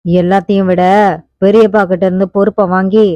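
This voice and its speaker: A woman's voice: medium pitch, little pitch movement, brisk, no echo, lightly acted. A woman voicing a desperate young husband. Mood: commanding, angry. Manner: pleading then commanding. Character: anguished young husband, fierce when roused. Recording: dull, muffled audiobook recording.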